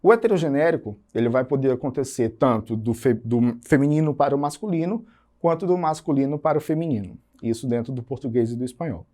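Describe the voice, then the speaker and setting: A man from Brazil, a teacher giving a recorded lesson, explaining patiently and repeating example words slowly for emphasis. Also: mid-range voice, animated, mellow.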